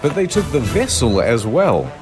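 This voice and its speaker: A man narrating a comedic history story in a dry, deadpan way, over background music. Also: medium pitch, normal speed.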